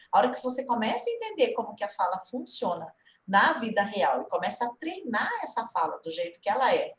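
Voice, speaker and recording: Animated Brazilian woman teaching English. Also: fairly high pitch, reverberant, low-quality recording. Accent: Brazilian Portuguese. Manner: animated, explains by quizzing the student. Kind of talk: online lesson with a student.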